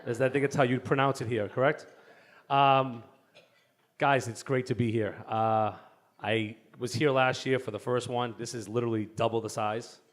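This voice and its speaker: A man from the Boston area speaks in a mid-pitched voice with a Boston accent. He talks to a conference audience in a loose, joking way and teases people in the room. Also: steady tone, normal speed. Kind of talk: lively conference talk. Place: conference hall.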